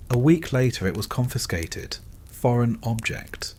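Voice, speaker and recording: A man narrating a scripted bedtime story in a calm, dryly wry second-person voice. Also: mid-range voice, unhurried, a little hiss or hum.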